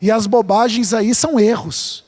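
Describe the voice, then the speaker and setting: Recorded with the long reverb of a large church hall, a man from São Paulo state delivers a sermon as pastor in the sanctuary. His voice sits high, a little mellow and slightly rough, at a moderate pace, and he's earnest and emphatic, weaving scripture together with a light-hearted personal story.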